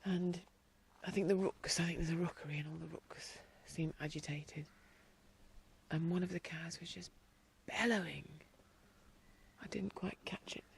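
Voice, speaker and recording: Out in her garden, a chatty podcast host from England meanders through a casual chat in a low, steady, unhurried voice with a gravelly fry. Her nose sounds slightly stuffy, and she slips into quieter passages as she wanders from thought to thought.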